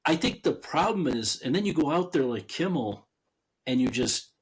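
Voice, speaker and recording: Husky-voiced man, chatty author guest. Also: fairly high pitch, lively intonation, normal speed. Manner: chatty, laughs often, trails off and restarts. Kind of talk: casual conversational interview.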